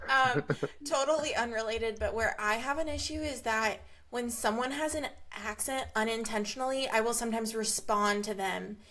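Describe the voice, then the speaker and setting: A woman's voice: a little high, moderate pace, a bit bright. A woman co-hosting an interview podcast, playful and joking in a casual chat. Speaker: podcast co-host.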